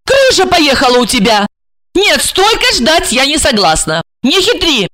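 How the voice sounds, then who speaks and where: A woman voicing a brash, greedy young woman who makes impatient, shrill demands in an audiobook. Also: big pitch swings, unhurried, fairly bright tone, exaggerated voice. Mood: angry. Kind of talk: audiobook character voice.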